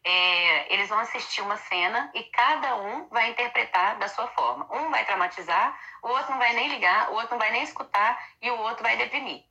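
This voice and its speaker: A woman psychologist with a bright, forceful tone speaks as an interview guest. She explains patiently and slips into the voices of the children and mothers she quotes. Her voice comes through a dull, muffled lo-fi line. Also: on the high side, animated, fairly quick, few pauses. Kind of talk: casual advice interview.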